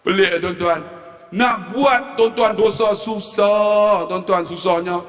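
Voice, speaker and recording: A male preacher gives a humorous sermon at a mosque forum, telling animated stories, laughing at his own jokes and calling out to the congregation. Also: high-pitched, slow, distant mic. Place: mosque hall. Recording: long reverb from a mosque hall.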